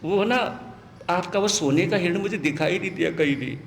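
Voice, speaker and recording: A gentle king jokes and coaxes his tearful queen, at times chanting verse, voiced by a male preacher. The voice is high for a man and carries a long, echoing hall reverb. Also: normal speed, a little hiss or hum. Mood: coaxing. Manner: coaxing, playful, partly sung verse. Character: gentle jesting king Harishchandra, adult man.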